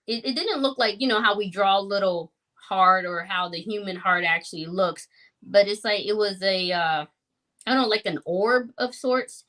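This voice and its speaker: A woman's voice: mid-range voice, pushed and bright. Earnest woman telling a personal story. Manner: reflective, earnest, many fillers like "like" and "you know". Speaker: guest sharing her story. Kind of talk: personal testimony in podcast conversation.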